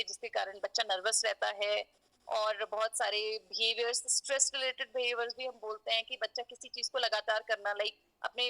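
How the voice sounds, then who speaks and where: A woman's voice: fairly high pitch, sharp tone, rough recording. A woman psychology lecturer giving a recorded class, explaining point by point with frequent fillers and English terms mixed in.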